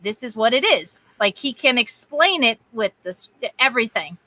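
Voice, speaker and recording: A woman telling a spiritual story in casual chat, animated and quoting voices as she goes. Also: on the high side, normal speed, no room sound. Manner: animated, quotes voices, laughs easily. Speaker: guest sharing testimony.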